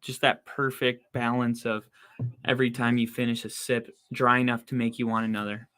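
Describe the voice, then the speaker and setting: A young man hosting a casual live football watch-along podcast, chatty and excitable, saying he is losing his voice. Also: mid-range voice, moderate pace. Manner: chatty, excitable, rising to loud disbelief at plays. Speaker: podcast host doing live game watch-along commentary. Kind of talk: casual play-by-play chat.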